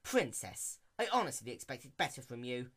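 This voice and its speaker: A man's voice: medium pitch, sing-song, moderate pace, fairly bright tone. A man voicing a stern, weary female pony mayor with a theatrical, lecturing delivery in a storybook reading. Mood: stern, disappointed. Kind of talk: dramatic reading of fan fiction.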